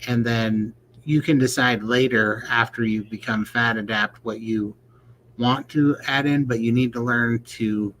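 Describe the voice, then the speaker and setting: A man's voice: medium pitch, fairly even intonation, a little slow, fairly bright tone, a little hiss or hum. A man co-hosting a casual livestream chat, rambling and laughing often. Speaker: livestream co-host.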